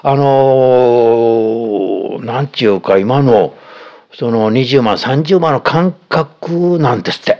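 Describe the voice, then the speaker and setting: A man in his sixties with a Kansai accent, a former shop owner telling stories in an animated podcast chat, often chuckling. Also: medium pitch, takes it slowly. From Osaka, Japan. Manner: animated storytelling with frequent chuckles. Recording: slightly dull podcast audio.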